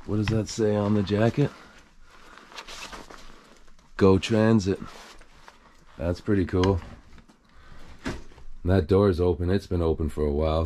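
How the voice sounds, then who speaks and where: A man with a low, dark-toned voice hosts a casual exploring vlog, talking to viewers while walking around with an action camera, and the audio carries a slight hiss or hum. He runs an abandoned-places exploration channel and is moving through a derelict property with an RV, an overgrown yard and a house.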